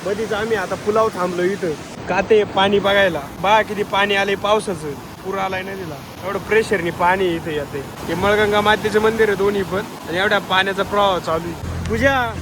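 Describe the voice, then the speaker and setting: A man's voice: high-pitched, background noise. A man talking casually to viewers as he vlogs outdoors, in a chatty way, recorded on a handheld phone. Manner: chatty, addresses viewers directly. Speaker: vlogger. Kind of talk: casual vlog narration. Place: outdoors, farm and village.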